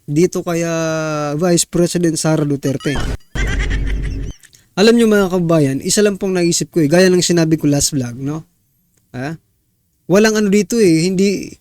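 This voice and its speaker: A man's voice: high voice, a little mellow. A man hosting a news reaction vlog, talking casually to viewers in an indignant, exasperated tone and tossing rhetorical questions at them. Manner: rhetorical, keeps asking viewers "ha?" and "no?".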